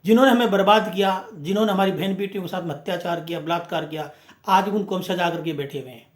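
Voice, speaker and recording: A man's voice: high voice, fast talker. A man giving an impassioned, emphatic speech as a movement speaker, full of rhetorical questions and repeated phrases. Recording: echoey room.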